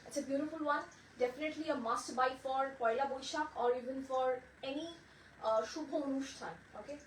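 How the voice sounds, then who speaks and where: A high-pitched woman from Bengal hosts a live saree sale in a chatty way, switching between Bengali and English. She is recorded from a distance in an echoey room with faint background noise. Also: slow. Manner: chatty, mixes Bengali and English, greets viewers by name. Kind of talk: live-stream sales pitch.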